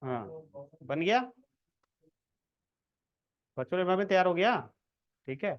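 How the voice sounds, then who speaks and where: Man, coding tutor, high-pitched, casual, walks you through each step. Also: animated, measured pace, highs cut off. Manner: chatty, checks in often with the viewer. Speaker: programming tutor. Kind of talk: casual screen-recorded coding lesson.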